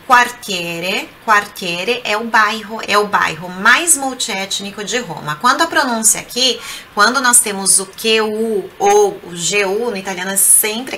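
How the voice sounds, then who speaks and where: A Brazilian woman teaching Italian pronunciation, slowly repeating words and coaxing the listener to say them aloud. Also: medium pitch, pushed and bright, slight background noise. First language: Portuguese. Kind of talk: language lesson.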